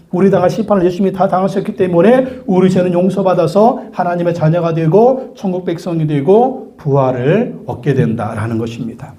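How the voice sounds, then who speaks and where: A man's voice: high voice, warm tone. A male pastor delivering a sermon emphatically, with frequent rhetorical questions.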